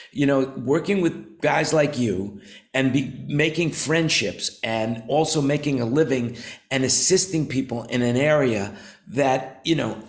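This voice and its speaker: Older male host in his 70s, casual and rambling, lots of restarts. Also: medium pitch. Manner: rambling, repeats words, many fillers. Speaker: show host, company founder. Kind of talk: casual roundtable chat.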